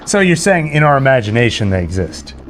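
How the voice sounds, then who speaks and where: Very animated and brisk, a man with a mid-range voice hosts a livestream full of casual banter, storytelling, and a quiz, tossing playful asides to the chat. Music plays in the background.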